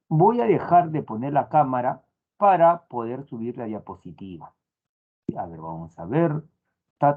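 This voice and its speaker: A man teaching an online class, repeating phrases and filling pauses with "a ver" and "estamos". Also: medium pitch. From Peru. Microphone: phone. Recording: tinny phone-like lo-fi audio.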